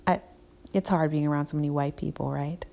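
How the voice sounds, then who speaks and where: A woman's voice: low-pitched, fairly even intonation, fairly quick, vocal fry, dark tone. A woman voicing an uneasy young man who is polite but wary and speaks hesitantly, stammering.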